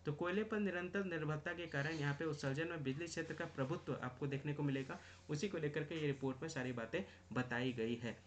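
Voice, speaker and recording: Man teaching current affairs, high voice. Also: fairly quick, slight background noise. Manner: explains in Hindi mixed with English terms, repeats phrases, many fillers. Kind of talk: exam-prep lecture reading news.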